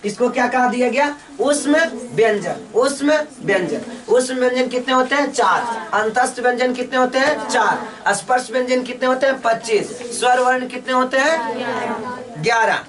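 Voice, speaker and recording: A woman teaching a lesson. She asks each question, then answers it herself in slow, repeating drills. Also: high voice, distant mic, a crowd in the background. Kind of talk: classroom lesson with call-and-response drills.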